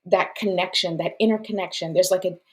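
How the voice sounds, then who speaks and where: Briskly and in a steady, lowish voice, a woman chats on a casual live stream while reading oracle cards. She first spoke Portuguese, and her talk is effusive, with many fillers and small bursts of laughter.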